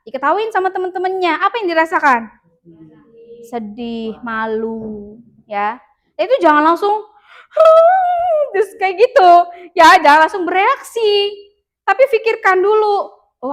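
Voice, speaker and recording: A woman school counselor with an Indonesian accent giving a classroom lesson, patiently leading students through slow breathing and acting out what children might say. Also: sits high, a bit bright.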